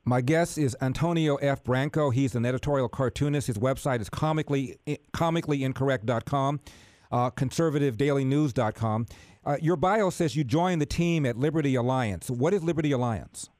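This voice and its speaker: A man hosting a talk radio interview, speaking in a measured, conversational way with occasional fillers. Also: medium pitch, a little mellow, no room sound. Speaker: radio talk show host.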